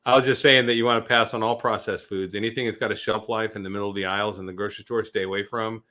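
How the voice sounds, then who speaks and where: A man's voice: fairly low pitch, fairly even intonation, fast, bright, forceful tone. A man speaking as a guest in a casual live Q&A, emphatic and to the point.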